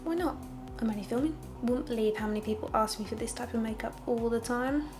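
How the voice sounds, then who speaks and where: A young woman walks through her makeup routine in a chatty, candid tone, dropping wry, sarcastic asides along the way. Her voice sits a touch high, and soft music plays faintly in the background. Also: steady tone, fast talker. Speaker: makeup tutorial host. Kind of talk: casual makeup tutorial narration.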